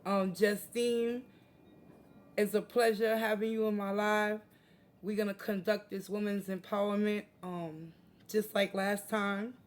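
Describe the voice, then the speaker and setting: Woman host, slow relaxed chat, mid-pitched, casual with viewers. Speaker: tarot reader hosting a live stream. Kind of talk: casual live-stream chat.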